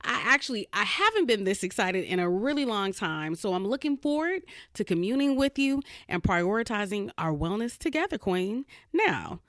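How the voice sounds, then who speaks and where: A woman's voice: medium pitch, very animated, normal speed, few pauses, a bit bright, no room sound, studio quality. A woman hosting a podcast interview, upbeat and affirming as she introduces and questions her guest. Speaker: podcast host.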